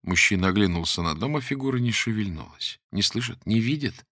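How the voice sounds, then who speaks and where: A man reading an audiobook aloud in an expressive storytelling manner. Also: lowish voice, fairly quick, no echo. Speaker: audiobook narrator. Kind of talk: scripted narration.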